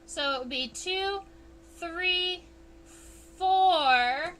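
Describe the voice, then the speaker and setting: Slow, bright-voiced woman entomologist. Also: very high-pitched, a little hiss or hum. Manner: chatty, unhurried, reads chat aloud. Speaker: entomologist livestream host. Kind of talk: casual livestream teaching.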